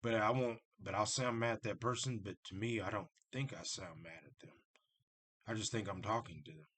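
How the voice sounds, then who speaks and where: Man, low-pitched voice, casual monologue, rambling, restarts, blunt, talks straight to viewers. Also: moderate pace, fairly bright tone, slightly rough. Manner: rambling, circling back on himself with restarts; blunt and conversational, addresses viewers directly. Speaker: vlogger talking about Satanism.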